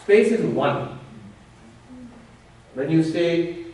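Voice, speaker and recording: Monk lecturing from far in an echoey hall. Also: male voice, a little high, expressive, drawn-out words, dark tone. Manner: explains patiently, acting out an opponent's objections. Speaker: monk teaching a retreat. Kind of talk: lecture on scripture. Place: retreat hall.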